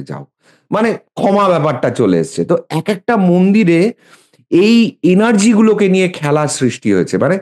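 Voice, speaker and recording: A man's voice: high voice, darkish tone. A middle-aged man explaining mantras in a casual, emphatic way, sometimes chanting lines as examples.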